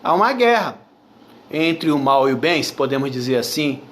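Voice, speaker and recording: A man's voice: on the high side, big pitch swings, moderate pace, fairly bright tone. A man with a Brazilian Portuguese accent preaching a sermon as pastor, emphatic and repetitive, firing off rhetorical questions to the congregation.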